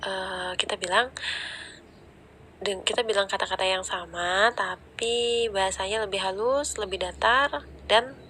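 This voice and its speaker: A woman explaining parenting advice in a relaxed, conversational way, often pausing with fillers. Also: mid-range voice, a little hiss or hum. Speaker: parenting talk speaker. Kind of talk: casual explanatory talk to parents.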